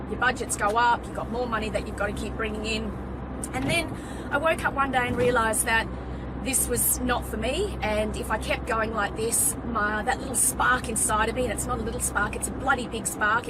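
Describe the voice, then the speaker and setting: A woman in her forties, born in Wales and raised in Western Australia, chatting as a guest in a car interview, with many ums and restarts. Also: on the high side. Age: 40s. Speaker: guest, fitness business owner. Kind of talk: casual interview chat. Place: inside a car. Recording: car interior with road noise. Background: vehicle noise.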